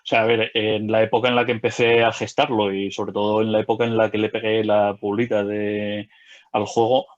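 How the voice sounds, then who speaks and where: A man's voice: fairly low pitch, highs cut off. A middle-aged man, talking casually in an interview, hesitant with many fillers and restarts. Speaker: game designer and illustrator.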